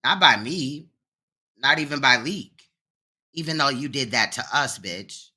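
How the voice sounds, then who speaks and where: A man with a very bright, forceful voice at a medium pitch. He comments casually in blunt slang, as a livestreamer does. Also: animated, unhurried, slightly rough.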